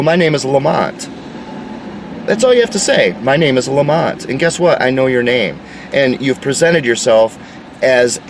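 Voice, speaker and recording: A man's voice: on the high side, recorded from a distance, a little hiss or hum, poor audio. A man delivering an insistent, lecturing opinion monologue. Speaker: commentator.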